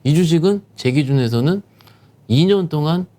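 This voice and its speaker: A man's voice: fairly high pitch, animated, moderate pace, warm tone. A man, a securities firm manager, explaining stock market conditions as a guest, emphatic and posing rhetorical questions.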